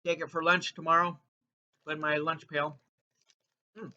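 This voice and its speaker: Male snack reviewer, high forceful voice, chatty and playful with viewers while crunching chips, slightly dull lo-fi recording. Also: flat delivery, moderate pace, a little hiss or hum. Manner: eats crunchy chips between remarks. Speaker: food taste-test reviewer and host. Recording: dull, muffled lo-fi sound.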